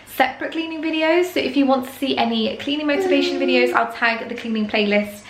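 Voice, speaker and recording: A young woman talks casually to camera at home, rambling through her plans with plenty of ums and likes. Her voice sits a little high. A faint hiss runs under the recording. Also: fairly quick. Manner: chatty, frequent ums and likes. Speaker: lifestyle vlogger. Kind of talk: casual home vlog chat.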